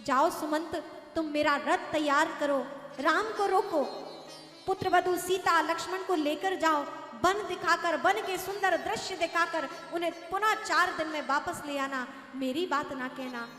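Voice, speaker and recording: A woman's voice: very high-pitched, measured pace, bright, forceful tone, heavily acted. A woman preaching a katha voices an old king who urgently pleads with and commands his minister, in an echoey hall with faint music. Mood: pleading.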